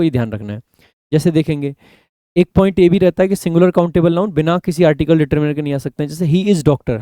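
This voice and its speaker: A man's voice: a little high, dark tone, no echo. A young adult man teaching English grammar for exam preparation, mixing explanations with English examples and calling the viewers brother. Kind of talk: exam-prep classroom lesson. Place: indoor recording studio with air conditioning.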